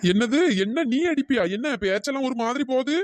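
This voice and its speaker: A woman's voice: sits high, a little fast, dry recording, close to an everyday voice. A woman voicing a tall, bickering cartoon husband who blusters and complains after being beaten. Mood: blustering. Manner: blustering, threatening, self-pitying.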